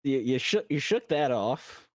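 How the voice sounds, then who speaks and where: A man's voice: mid-range voice, big pitch swings, measured pace, no echo, clean studio sound. A man doing a casual post-race interview in a joking, colloquial way.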